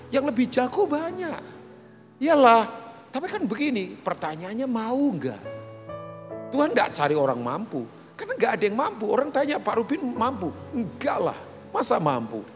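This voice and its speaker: A middle-aged man preaching in a large church hall, his voice ringing with a long reverb. He talks in a lively, joking way, chatting with the congregation. Soft keyboard and guitar music plays behind him. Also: a little high. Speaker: pastor. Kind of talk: live church sermon.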